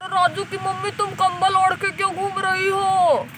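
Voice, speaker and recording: A woman voicing a middle-aged village father who keeps complaining loudly about the cold. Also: extremely high pitch, flat delivery, a little slow, voice pushed up. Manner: loud complaining calls. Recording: noisy home recording.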